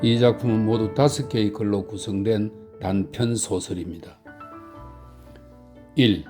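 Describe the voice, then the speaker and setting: A middle-aged man narrating a short story as a slow, soft bedtime audiobook. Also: medium pitch. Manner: slow, soft, even reading. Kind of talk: calm sleep audiobook narration.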